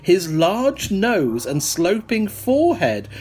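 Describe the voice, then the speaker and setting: A man's voice: high voice, sing-song, takes it slowly, darkish tone, soft background music. A man narrating a choose-your-own-adventure gamebook as host, with jokey asides. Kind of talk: reading a gamebook aloud with asides.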